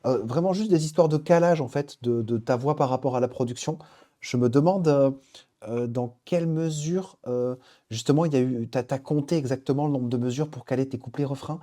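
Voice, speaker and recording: Mellow, hesitant male streamer. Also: medium pitch, fairly quick. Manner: hesitant, many filler sounds and restarts; friendly, encouraging critique. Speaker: streamer reviewing listeners' music tracks. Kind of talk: casual live-stream feedback.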